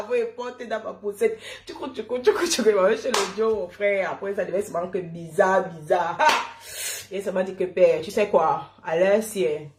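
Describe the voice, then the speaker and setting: A woman from Cameroon tells a personal story in a lively, chatty way, often laughing and calling her listeners "mon frère". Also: fairly low pitch, roomy sound.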